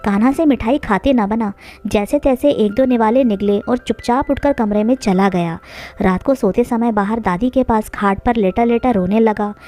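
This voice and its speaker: Woman telling a family story, mellow tone, fairly high voice, steady and expressive. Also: moderate pace, hardly any pauses, faint music behind. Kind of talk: scripted narration of an emotional family story.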